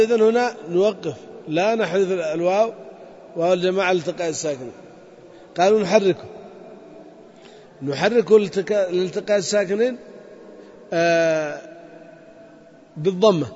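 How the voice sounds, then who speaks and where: A man's voice: high voice, darkish tone. A man teaching a grammar lesson to a class, methodically repeating points and quizzing his students. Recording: dull lo-fi sound in a reverberant hall.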